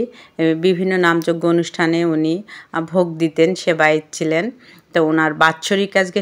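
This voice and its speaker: A young woman narrating a vlog about a religious gathering, hesitant, with many filler sounds. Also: lowish voice. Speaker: vlogger. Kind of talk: casual voice-over narration of a religious event.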